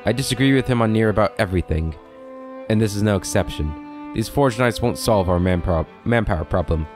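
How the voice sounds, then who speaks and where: A man's voice: on the low side, brisk, over music, close to an everyday voice. A man reading out a grumbling blacksmith. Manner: plain reading with stumbles and repeats. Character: disapproving male blacksmith, read aloud. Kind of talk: reading game dialogue aloud.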